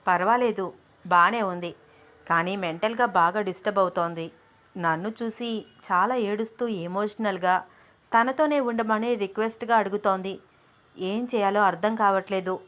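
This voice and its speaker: A level-headed young man talks things through patiently and affectionately, as a woman narrator reads him. His voice stays close to the reader's own middle pitch, with an even, reasoning tone in an audio story. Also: moderate pace, lightly acted. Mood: calm.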